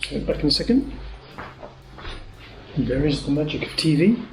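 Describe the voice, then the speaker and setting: With a high-leaning, sing-song voice at normal speed, a British man reviews motorcycle gear indoors at home, chatting plainly as he works through a hands-on demo. The recording has an echoey room with faint clicks and noise.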